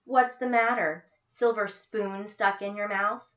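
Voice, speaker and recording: Sharp, mocking teen girl, as a woman reads her, lowish, in an echoey room. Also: moderate pace, highs cut off, lightly acted. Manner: biting, mocking. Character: sharp-tongued teenage girl, blunt and defiant.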